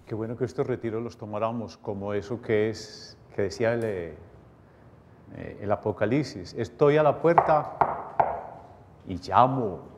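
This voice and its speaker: A middle-aged man, a priest, leading closing prayers and a blessing at Mass and making earnest appeals. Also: a little slow. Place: small chapel studio at an altar. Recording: chapel reverb with faint rumble.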